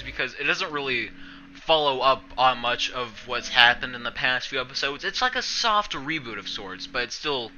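A young man streams from his small bedroom, rambling casually in a sarcastic, self-deprecating way and swearing a lot. He is a streamer and video editor with a mid-range voice and a sharp tone, captured on a low-quality recording.

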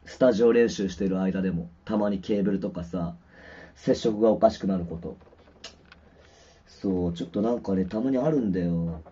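A man's voice: low-pitched, normal speed, mellow, husky. Mumbling man testing his stream audio. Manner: mumbling, rambling, many fillers. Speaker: musician livestreaming. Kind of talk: casual livestream chat, mic check. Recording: dull lo-fi stream audio with distortion.

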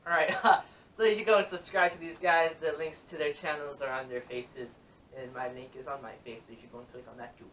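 A young adult man chatting casually and haltingly as the jokey host of a vlog, recorded in a small bedroom. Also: on the high side, steady tone, a bit bright. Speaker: host of a challenge video. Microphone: camera a few metres away. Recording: distant, noisy camera mic with clicks.

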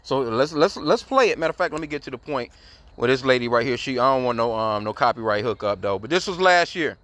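A man's voice: mid-range voice, expressive, fast, a bit bright, dry recording. A man giving heated, profane, rambling commentary, tagging his sentences with "man", in casual talk to his viewers. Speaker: commentary channel host.

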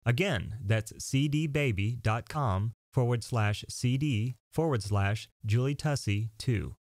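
A man announcing a scripted promotion in a steady, clear delivery. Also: mid-range voice, a little slow.

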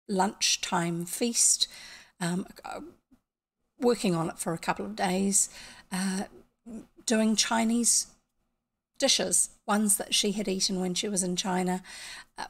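Her voice is medium-pitched, creaky and slightly rough: an older woman from New Zealand, with the accent to match, rambling through casual stories on a home stream full of asides and explanations. The setting is a small indoor room in her home.

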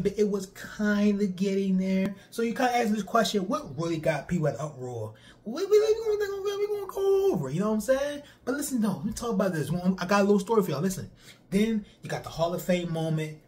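A young man, riffing on pro wrestling for his stream chat in an animated, repetitive way. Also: sits high. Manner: animated, repetitive, talks straight to viewers. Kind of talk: casual streamed commentary to chat.

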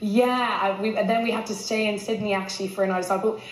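A young adult woman speaks in a west of Ireland accent at an average pitch. She is chatting in a live stage interview, and her voice rings with the echo of a large venue. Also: steady tone, quick pace. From County Mayo, Ireland. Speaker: contestant being interviewed, musician. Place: large indoor televised stage. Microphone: clip-on lapel mic.

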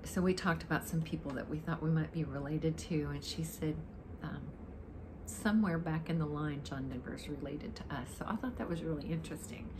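A woman's voice: low voice, fairly quick. An older woman with a dry throat chats casually to the camera in a rambling, reminiscing way, as an amateur guitarist. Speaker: amateur guitarist introducing a song. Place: living room, indoors, on a sofa. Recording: clearly noisy home recording.

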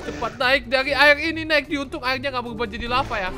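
A woman hosting a let's play, commenting excitedly on her game and often yelping in alarm. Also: sits high, fast talker. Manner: excitable, often yelps and shrieks. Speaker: gaming channel host. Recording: game music under the voice.

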